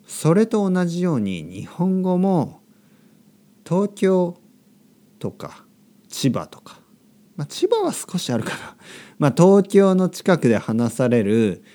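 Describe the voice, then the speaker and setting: A man hosting a podcast and explaining things slowly and clearly for learners, in simple phrasing with frequent tag questions. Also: sits high, huge pitch swings, dark tone. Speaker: podcast host teaching Japanese.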